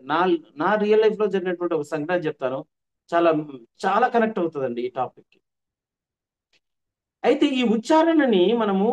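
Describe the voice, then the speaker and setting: A man's voice: sits high, a little mellow. A man teaching an online workshop, repeating his points with emphasis. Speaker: trainer.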